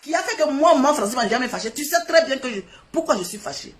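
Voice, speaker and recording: A woman with a high-pitched voice delivers a heated live-stream rant. She scolds and mocks, repeating her points again and again, swinging between loud jabs and low mutters. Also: expressive, fast talker. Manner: scolding, repetitive, mocking.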